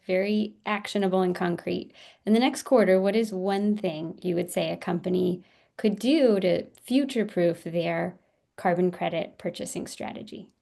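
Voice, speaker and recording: A woman's voice: mid-range voice, vocal fry, warm tone. A woman moderating a webinar panel, asking questions in a friendly, informal way over a video call.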